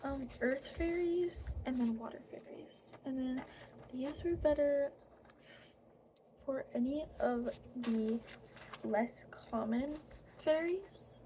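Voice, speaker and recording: A woman doing an ASMR role-play as a friendly young fairy, speaking softly and breathily with hesitant, informal phrasing. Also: sits high, rough recording. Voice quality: soft breathy soft voice. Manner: hesitant, informal, many trailing pauses. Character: friendly, apologetic young fairy guiding a newly hatched fairy. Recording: clearly audible background noise.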